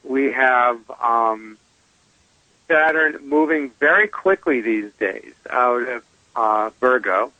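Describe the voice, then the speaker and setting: A man's voice: medium pitch, lively intonation, pushed and bright, no room sound. Radio guest astrologer, male, hesitant with lots of ums; tinny metallic phone sound, dry and dull. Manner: hesitant, pauses with many ums. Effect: tinny, metallic phone-line sound. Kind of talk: casual phone conversation.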